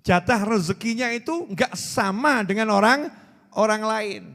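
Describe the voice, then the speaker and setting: A man's voice: high-pitched, lively intonation, moderate pace, a bit bright, long reverb tail. A man, preaching a sermon in a playful way and repeating words for emphasis. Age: 40s.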